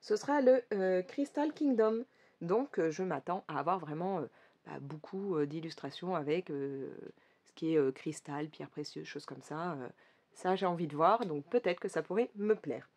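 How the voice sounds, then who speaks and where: A woman's voice: on the low side, animated, normal speed, darkish tone. Chatty woman vlogging, full of fillers. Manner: chatty, many fillers and self-corrections. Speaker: coloring vlogger. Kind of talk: casual chat about upcoming coloring books.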